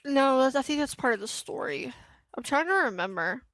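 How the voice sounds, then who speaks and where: A young woman hosts a game stream, chatting loosely and giggling with her viewers. Her voice sits high, and the sound is dry and close, with no room tone. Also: big pitch swings, moderate pace, a bit bright, no room sound. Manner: giggly and scattered, talking to chat. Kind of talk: casual live-stream chat.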